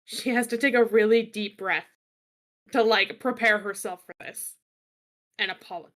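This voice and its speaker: A woman plays a tabletop game and chats casually while narrating what her character does. Her voice sits at a middle pitch. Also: moderate pace, fairly bright tone. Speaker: player.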